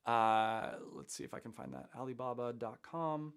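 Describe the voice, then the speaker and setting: Guy rambling on a livestream, mid pitch, casual and chatty. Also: big pitch swings, normal speed, vocal fry, smooth. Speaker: host.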